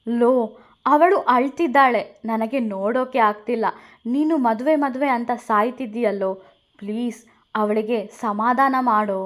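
A woman reading a young man caught in a rushed marriage, anxious and pleading. He speaks in a raised, slightly high voice. The delivery is heated rather than calm. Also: natural voice. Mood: exasperated.

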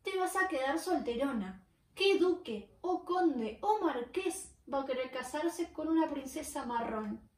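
A woman's voice: high voice, steady tone, measured pace, hardly any pauses. A woman voicing a fretting queen mother who laments over her daughter. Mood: lamenting. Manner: lamenting, pleading. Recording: roomy, far from the mic.

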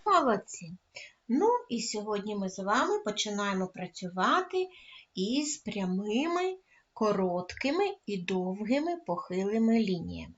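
A woman primary school teacher giving a recorded lesson to first graders, speaking gently and praising the children often. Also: mid-range voice, sing-song, a little slow, highs cut off, soft background music.

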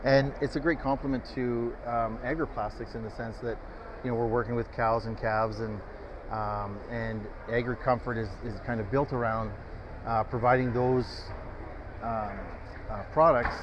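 Halting salesman, slightly dull recording. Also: medium pitch, steady tone. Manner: halting, many fillers, measured. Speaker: sales guest. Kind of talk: casual trade-show interview. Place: open-sided tent at an outdoor expo. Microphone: lapel mic. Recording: slightly dull, noisy outdoor expo.

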